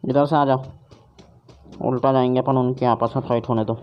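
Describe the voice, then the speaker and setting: A man's voice: medium pitch, little pitch movement. Man barking repeated game orders. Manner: bossy, repeats orders quickly. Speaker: gamer, channel host. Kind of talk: casual voice chat while gaming. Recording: muffled voice chat with light noise.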